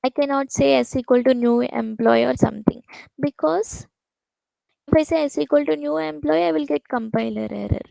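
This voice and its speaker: A woman teaching a live programming lecture, explaining quickly with many restarts and fillers. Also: high-pitched, creaky, mellow, no echo, poor audio. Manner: talks fast. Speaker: programming instructor.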